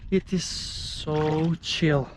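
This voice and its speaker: A man narrating a casual vlog outdoors, speaking haltingly in short broken pieces. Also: fairly high pitch, fairly even intonation, background noise. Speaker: vlogger. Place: outdoors at a frozen lake.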